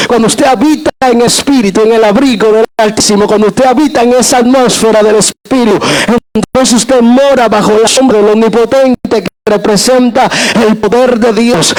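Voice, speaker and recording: A man delivers a sermon from the pulpit in a strikingly high voice. He swells into shouts on key phrases and keeps calling out to his congregation. The recording has a radio-like broadcast quality. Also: low-quality recording. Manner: preaching with shouted emphasis and repeated calls to the congregation. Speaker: pastor.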